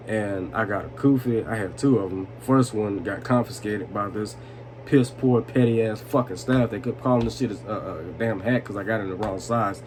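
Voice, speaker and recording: A man in his twenties telling personal stories in a casual, profane, slangy way, tipsy and rambling with chuckles. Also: fairly low pitch. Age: 20s. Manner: slangy, repeats "you know what I'm saying". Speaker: storytelling vlogger. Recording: noisy room with steady background noise.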